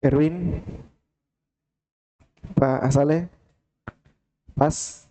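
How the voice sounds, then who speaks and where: A man's voice: on the high side, fairly even intonation, very slow, warm tone. A man, teaching Arabic grammar in a mosque study hall, quizzing students one by one by name and teasing them.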